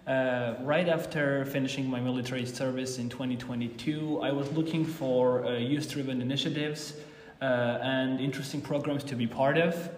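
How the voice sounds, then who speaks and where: A man, a guest on an interview podcast, explaining things earnestly and formally. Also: medium pitch. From Armenia. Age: 20s. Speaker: guest, youth ambassador. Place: office in Berlin. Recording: roomy, reverberant room.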